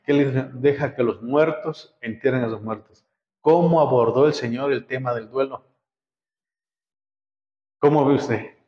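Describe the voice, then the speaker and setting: A man's voice: medium pitch, measured pace, pauses often. A man preaching a sermon as pastor, asking the congregation one rhetorical question after another. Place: church hall. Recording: dull lo-fi, echoey church hall.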